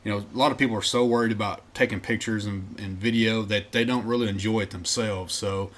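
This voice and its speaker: A man's voice: fairly low pitch, fairly even intonation, brisk, a bit bright. A man co-hosting a podcast, laid-back and chatty, drifting off into side tangents. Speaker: podcast co-host. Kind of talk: casual chat.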